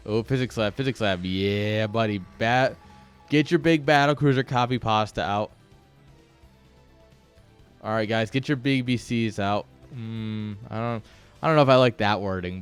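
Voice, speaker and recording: A man's voice: fairly low pitch, clean tone. A man giving casual esports commentary with joking, sarcastic asides.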